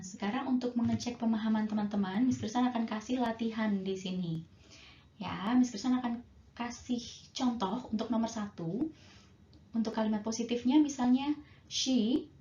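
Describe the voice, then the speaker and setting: A woman teaching English grammar in a patient, slow way, stretching out each example sentence. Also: on the high side, warm tone. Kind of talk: bilingual grammar lesson. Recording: roomy, dull lo-fi sound with faint noise.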